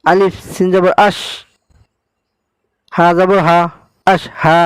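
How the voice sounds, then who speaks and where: Slow, high-voiced man spelling out syllables. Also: level tone, clean tone, no room sound, low-quality recording. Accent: Bangladeshi Bengali. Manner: spells out each syllable then blends it. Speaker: Quran recitation teacher. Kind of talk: slow spelled-out recitation lesson.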